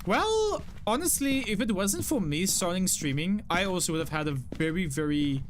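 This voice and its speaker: Over music, a young man speaks in a high, very animated voice at normal speed. He is from South Africa, has an Afrikaans English accent, and chats with his live-stream viewers while reading their messages, apologetic and prone to self-repeats and "like" fillers.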